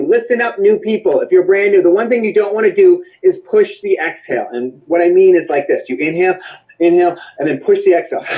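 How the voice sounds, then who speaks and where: A man's voice: sits high, darkish tone, poor audio. A man leading a breath work class, giving casual, blunt instructions with jokes and the odd swear word.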